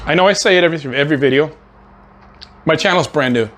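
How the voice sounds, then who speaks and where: Chatting enthusiastically in his home kitchen, a middle-aged man runs his own casual cooking channel, speaking fast in a high, fairly bright voice laced with fillers and restarts. He keeps talking with his mouth full as he tastes, and there's slight background noise.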